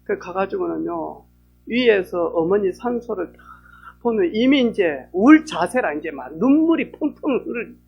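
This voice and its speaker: A male pastor, telling a story in a sermon in an animated way, full of vivid sound words. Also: high voice, a little slow, gravelly, breathy edge, lo-fi sound.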